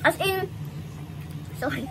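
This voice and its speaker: A woman's voice: slow, background noise. A young Filipino woman food vlogger, chatting casually with her mouth full of pie. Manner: chatty, mixes Tagalog and English.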